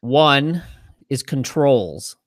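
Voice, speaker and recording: A man with a mid-range voice co-hosting a podcast, explaining ideas in a measured, relaxed manner. The recording sounds dry and close. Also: mid-range voice, dry recording. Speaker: podcast co-host. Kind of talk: casual podcast chat.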